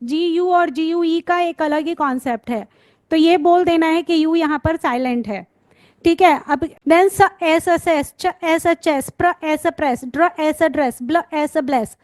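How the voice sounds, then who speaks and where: A woman's voice: very high-pitched, measured pace, no room sound. A woman teaching phonics, patiently sounding out letters and words and checking in with her students. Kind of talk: spoken lesson, sounding out words.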